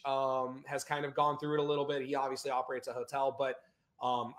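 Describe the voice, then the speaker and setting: This host is a man with a fairly high, reverberant voice, opening a casual video interview. He sounds upbeat, chatty and energetic.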